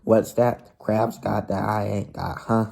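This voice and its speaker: A man's voice: on the low side, little pitch movement, slow pace, creaky, dark tone, exaggerated voice. A man voicing a tiny, scheming one-eyed male creature who wheedles and grumbles. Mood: wheedling.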